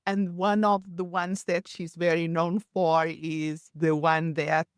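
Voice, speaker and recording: Portuguese-accented woman, lowish voice. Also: flat delivery, clear, resonant tone, no room sound, clean studio sound. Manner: earnest, slightly halting non-native phrasing. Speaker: podcast guest. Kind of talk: conversational storytelling.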